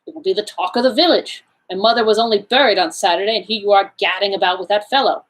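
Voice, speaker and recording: A woman voicing an agitated English gentleman husband in a storybook reading, with a strained, pleading delivery. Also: medium pitch, quick pace, lightly acted, poor audio.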